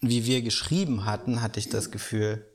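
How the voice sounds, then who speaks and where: A man of thirty-six, a podcast guest, calmly explaining and reflecting in casual talk. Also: on the low side, normal speed. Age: 30s. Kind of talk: casual conversation.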